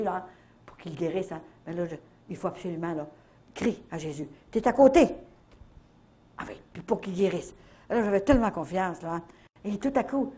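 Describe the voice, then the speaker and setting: An older woman with a Canadian French accent telling a faith testimony at a retreat, in a lively storytelling manner full of little verbal tags. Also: lowish voice, slightly rough. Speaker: retreat speaker.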